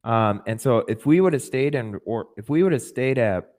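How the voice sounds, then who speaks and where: This twenty-something podcast guest, Russian-born and adopted as a child, talks through his life story in a mid-range, slightly mellow voice with lively intonation at a normal pace. He frequently repeats himself and rephrases his explanations.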